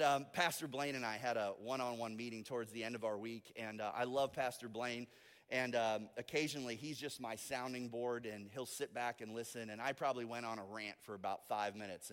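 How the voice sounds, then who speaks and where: A man preaching a sermon as pastor, moving between soft, intimate asides and loud, emphatic declarations. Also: medium pitch, big-room sound.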